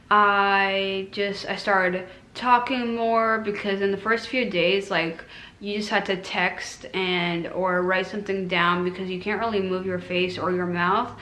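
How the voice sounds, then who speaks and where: A woman's voice: mid-range voice, a bit bright. A woman vlogger chatting casually and informally as she recounts a personal experience. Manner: conversational, informal recounting with quoted asides. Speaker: vlogger recounting own surgery recovery. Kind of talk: casual chat to camera. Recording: roomy, echoing room sound.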